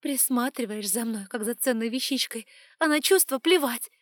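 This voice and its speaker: A woman voicing an angry, tearful young heroine who shouts accusations in an audiobook. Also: on the high side, normal speed, no room sound, studio quality, pitched above the performer's own voice, lightly acted.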